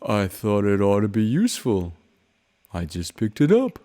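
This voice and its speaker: A man voicing a simple, gentle male teddy bear who speaks mildly and hesitantly. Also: on the low side, huge pitch swings, normal speed, in a large hall, voice pushed down.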